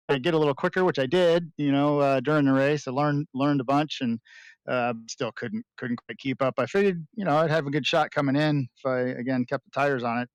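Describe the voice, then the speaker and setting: A man's voice: medium pitch, smooth, dry recording, low-quality recording. A man answering post-race questions as a driver, modest and good-humored, still a bit out of breath.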